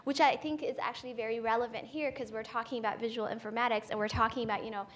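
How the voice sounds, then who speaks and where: A woman's voice: on the high side, steady tone, fast talker, a bit bright. A woman from Ethiopia speaking as a panelist at a conference forum, thinking aloud with many fillers and restarts and ending points with "right?". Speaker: panelist, AI researcher. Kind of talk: conversational panel talk.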